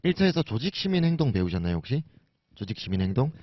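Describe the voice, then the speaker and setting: Lively, chatty male lecturer. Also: mid-range voice, fast, no room sound. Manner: conversational, asks and answers his own questions. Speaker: exam prep lecturer. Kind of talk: recorded lecture. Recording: dull lo-fi recording.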